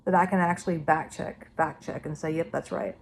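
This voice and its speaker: Rambling low-voiced woman vlogger. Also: steady tone, brisk, gravelly, a little hiss or hum. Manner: rambling, loose and conversational. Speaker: psychic vlogger. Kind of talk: casual spoken predictions.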